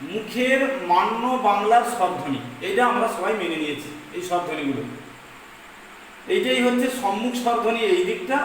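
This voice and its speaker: A woman teacher dictating a grammar lesson slowly, repeating each phrase so students can take notes. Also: medium pitch. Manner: slow dictation, repeating phrases for note-taking. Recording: very echoey room, distant mic, faint noise.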